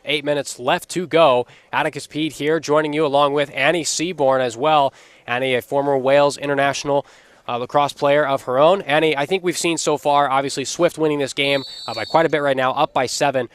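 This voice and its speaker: A man calling a lacrosse game live from a commentary booth, steady and energetic, lifting on big plays. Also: a little high, brisk, smooth, dry recording. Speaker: play-by-play commentator.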